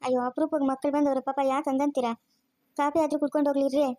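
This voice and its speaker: A hospitable village housewife, played by a woman, coaxing and soft-spoken. Her voice is high but warm and mellow, recorded dry and close. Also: little pitch movement, racing, no echo, lightly acted. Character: kindly rural housewife welcoming young relatives. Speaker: actor in a family web drama.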